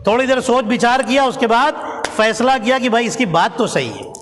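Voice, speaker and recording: A man's voice: very high-pitched, lively intonation, fairly bright tone, a little hiss or hum. A male preacher telling a story in a sermon, often urging the audience to pay attention. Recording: long hall reverb.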